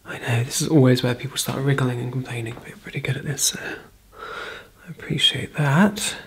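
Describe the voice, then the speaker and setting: Woman in fast, whispered ASMR role-play. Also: extremely low pitch, fairly even intonation. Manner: fast, breathy ASMR whispering and soft murmuring. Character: brisk, chatty backstage makeup artist. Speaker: ASMR performer. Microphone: close microphone.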